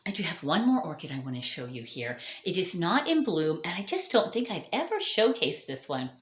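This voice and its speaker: A woman with a lowish, very animated voice talks briskly through her orchids in a casual vlog, chatty and keen, often correcting herself. Her voice is starting to fail. The recording comes from her dining room at home, an echoey indoor space.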